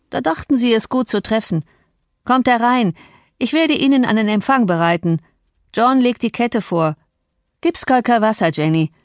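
A woman's voice: mid-range voice, no echo, studio quality, lightly acted. A woman doing a pompous old magistrate. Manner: pompous, lecturing. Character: pompous old male magistrate, fearful and indignant. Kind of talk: audiobook reading.

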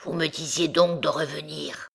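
A woman voicing a deformed, deaf hunchbacked man, speaking in a rough voice kept very soft and half-whispered. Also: low-pitched, steady tone, moderate pace, full character voice. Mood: humble. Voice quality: rough voice spoken very softly. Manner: hushed, half-whispered pleading. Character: deformed deaf hunchbacked male bell-ringer, timid and sorrowful.

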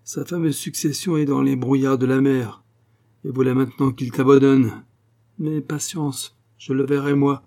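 A man's voice: mid-range voice, steady tone, normal speed, mellow, voice pushed up, natural voice. A man voicing a plump, bustling middle-aged mother in an audiobook, coaxing and indignant by turns.

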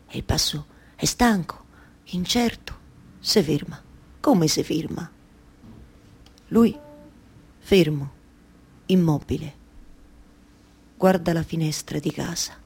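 A woman playing Penelope, a weary, anxious wife yearning for her husband, in a theatrical radio monologue with halting, repeated phrases. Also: low voice, creaky, a little mellow, husky, full character voice. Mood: hushed dread. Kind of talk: theatrical radio monologue over live music. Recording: live guitar music behind the voice. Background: plucked guitar music.

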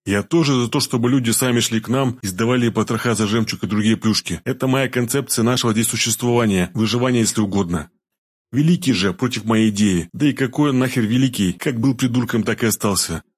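A man's voice: medium pitch, husky, natural voice. A man voicing a weary, rueful male commander. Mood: confiding. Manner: slow, rueful, confiding. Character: world-weary male deputy commander, frank.

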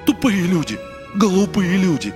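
A man voicing a distraught male provincial doctor who shouts in trembling, tearful outbursts. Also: sits high, expressive, moderate pace, voice pushed up. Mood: furious. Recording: long reverb, faint music.

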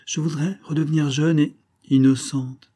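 Man doing spiteful bored wife, sardonic, impatient, lifted pitch, husky, dark tone, audiobook. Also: fairly even intonation, moderate pace, lightly acted. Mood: weary. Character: bored, spiteful married woman with a cruel streak.

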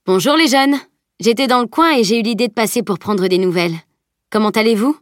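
An awkward middle-aged police inspector, as a woman reading a storybook puts him on, friendly on the surface but a little unsure of himself. The voice lifts noticeably higher than the narration, and the recording is dry and close. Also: brisk, no echo, natural voice. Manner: falsely friendly, slightly uneasy.

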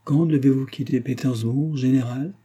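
A man's voice: mid-range voice, fairly even intonation, moderate pace, warm tone, breathy edge, pitched above the performer's own voice, natural voice. A man voicing a kindly, timid old father in an audiobook reading, hesitant and placating.

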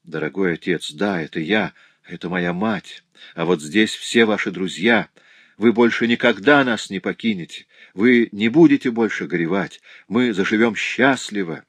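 A man's voice: fairly low pitch, moderate pace, no room sound. A man reading an audiobook and voicing a young daughter who speaks in raised, pleading cries. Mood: tender. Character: young daughter, tearful and joyous.

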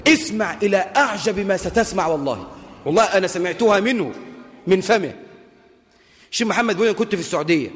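A man with an Egyptian accent preaching a storytelling sermon, animated, slowing into solemn classical quotations. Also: high-pitched, in a large hall. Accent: Egyptian Arabic. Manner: animated, switches into slow solemn classical quotes.

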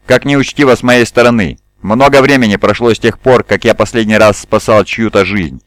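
A man voicing a calm, proud and sinister male surgeon who speaks with cold courtesy. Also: lowish voice, normal speed, no room sound, lightly acted. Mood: coldly polite. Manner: smooth, courteous, coldly pleased.

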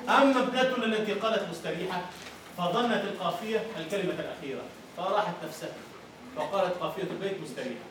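A man's voice: high-pitched, very fast, noisy background. A man with an Egyptian accent giving a university lecture on Arabic prosody, quizzing his students and repeating their answers. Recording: echoey lecture hall, far from the mic.

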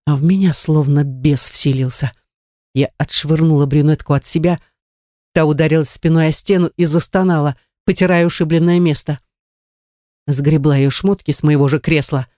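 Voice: mid-range voice, a little mellow, no room sound. Brash first-person audiobook narrator, dry close sound. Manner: brash, crude, sardonic first-person telling.

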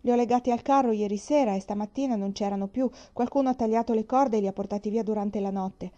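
A woman reading the part of a stranded settler man, weary and stubborn, in a flat, resigned way. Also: high voice, quick pace, natural voice. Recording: muffled lo-fi recording.

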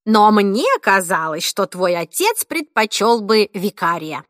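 A woman reading an audiobook, voicing a good-natured, chatty female carer with a brisk, friendly manner. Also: mid-range voice, very animated, fairly bright tone, no room sound, clean studio sound.

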